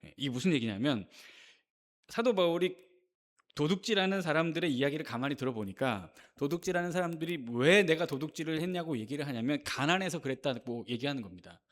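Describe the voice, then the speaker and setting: Animated high-voiced preaching man. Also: fairly quick. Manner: emphatic, asks the congregation many rhetorical questions. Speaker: pastor. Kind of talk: Sunday sermon. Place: church sanctuary.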